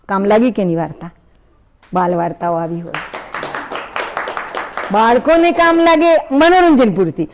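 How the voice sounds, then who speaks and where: A woman giving a storytelling talk to an audience, lively and speaking straight to her listeners. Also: mid-range voice. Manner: lively, acts out story voices, addresses listeners directly.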